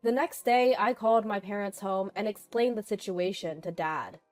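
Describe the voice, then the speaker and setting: A woman's voice: medium pitch, normal speed, soft background music. Woman narrating a drama earnestly. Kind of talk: scripted first-person narration.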